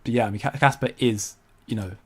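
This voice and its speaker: A young man hosts a casual crypto livestream, reading out viewer comments in a medium-pitched, fairly quick voice with a breathy edge. He rambles and hesitates, restarts often, and laughs a lot.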